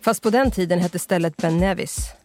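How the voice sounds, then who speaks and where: A man's voice: high voice, faint music behind, natural voice. A reader voicing a middle-aged Scottish pub owner, a chatty man with a Scottish accent who mixes English phrases into his talk. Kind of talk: audiobook character voice.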